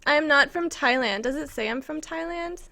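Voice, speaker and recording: An American woman who streams live and makes game maps chats casually to viewers from her computer in an apartment. Her voice sits high and is gravelly, bright and forceful, moving at a moderate pace as she rambles in a self-conscious, giggly way.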